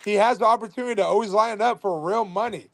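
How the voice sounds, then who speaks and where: A man's voice: high-pitched, quick pace, over a noisy crowd. Brash boastful man on a call. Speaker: guest player calling in. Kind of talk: trash-talking casual chat.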